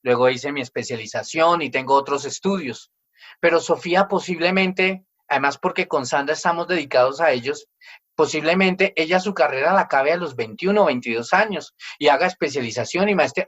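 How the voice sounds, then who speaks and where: A man's voice: a little high, fairly bright tone, dull audio. A man in his forties preaching a family sermon as pastor, emphatic, and he acts out children's complaints in quoted voices.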